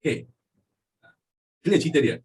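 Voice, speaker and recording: A young Malaysian man teaching history with a Malaysian accent, animated and constantly asking his students questions. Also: moderate pace. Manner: animated, asks students questions constantly, mixes in English phrases. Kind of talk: lively classroom lecture.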